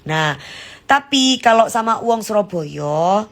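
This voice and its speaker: A woman's voice: mid-range voice, animated, slow pace, a bit bright. A woman chatting casually on a phone live stream, explaining slang acted-out examples.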